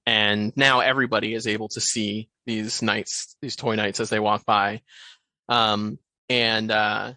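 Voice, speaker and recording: A man runs a tabletop fantasy game as its narrator. His delivery is slow and deliberate with halting pauses, and his voice is bright and forward in a dry, close sound. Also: lowish voice, dry recording, rough recording. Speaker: game master.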